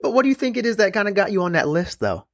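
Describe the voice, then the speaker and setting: A man hosting a casual interview, relaxed and slangy, laughing easily between questions. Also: high-pitched, racing, no room sound, clean studio sound. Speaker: interviewer, host.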